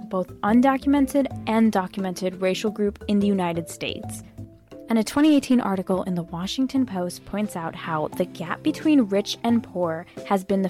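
A woman hosts an explainer episode, reading her script in a measured, earnest way. Faint music plays softly under her voice. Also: mid-range voice. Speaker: host. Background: faint background music.

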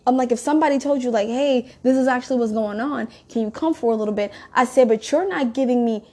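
A woman's voice: fairly high pitch, quick pace. A woman telling a story in a casual, rambling way, swearing freely. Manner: profane, rambling, animated storytelling.

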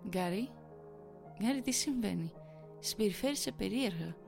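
A woman voicing a caring young woman who gently fusses over her worried partner. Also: mid-range voice, lively intonation, gravelly, over music. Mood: pleading. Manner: gentle, pleading.

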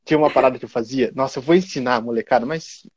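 A man's voice: mid-range voice, a little mellow, husky, no echo. A young man, telling school stories in casual chat and acting out the quotes. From Curitiba, Brazil. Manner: quick, laughing storyteller who acts out quotes.

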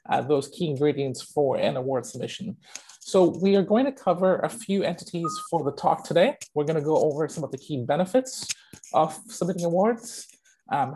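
A webinar host with a hoarse voice from a throat infection, talking in an informal, chatty way with many fillers. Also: medium pitch, warm tone, a little hiss or hum, poor audio. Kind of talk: hosting a live online webinar. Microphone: video call.

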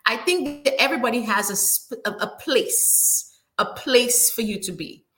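A woman's voice: on the high side, animated, normal speed, bright, forceful tone. A woman hosting a faith-based talk show, preaching to her viewers in a live chat, repeating and restarting her words as she calls out to them.

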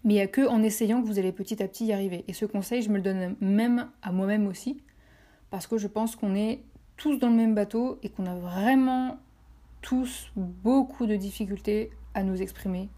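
A woman's voice: mid-range voice, moderate pace, dark tone. A French woman hosting a podcast, speaking directly to listeners in an encouraging way and repeating phrases for emphasis. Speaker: podcast host. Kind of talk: motivational podcast talk.

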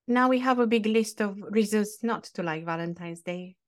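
A woman's voice: medium pitch, normal speed. A woman co-hosting a casual podcast, dropping short dry jokes into the talk. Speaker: podcast co-host.

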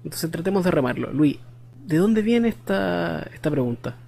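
A young man co-hosting a podcast, deadpan and teasing. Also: a little high, normal speed, creaky. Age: young adult. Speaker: podcast co-host. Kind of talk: casual comedic chat.

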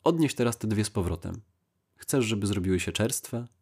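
A gruff, exacting father, once an army officer, grumbles in short, curt phrases, as a male audiobook reader voices him. His voice sits fairly low and stays close to the narrator's own. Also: lively intonation, normal speed, a little mellow. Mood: grumbling.

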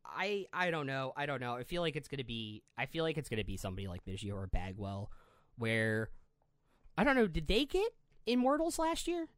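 A man chats casually as a podcast co-host, his pitch swinging lively up and down. He often stumbles and repeats words while he thinks. The sound is dry and close. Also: fairly quick, clean tone, no echo. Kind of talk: casual chat.

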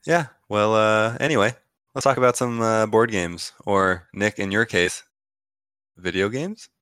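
A young man with a very deep, smooth voice hosting a casual chat about games. His humor is dry and understated. The sound is close and dry, with no room echo. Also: measured pace, fairly bright tone. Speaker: podcast host.

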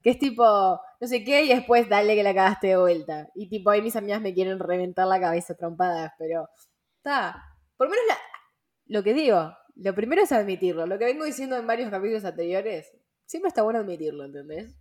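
A woman's voice: mid-range voice, animated, brisk. Chatty young woman with Rioplatense Spanish. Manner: chatty, full of fillers and slang, laughing asides. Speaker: podcast host. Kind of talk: casual chat.

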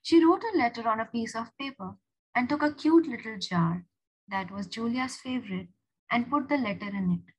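A woman narrating a short story aloud in an expressive, animated manner. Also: on the high side, normal speed, breathy edge, rough recording.

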